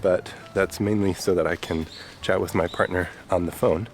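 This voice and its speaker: With a cold making his low voice sound nasal and stuffed-up, a young Chicago-area vlogger chats casually at a normal speed as he walks outdoors through the city. There's a little hiss or hum in the recording, and music plays underneath.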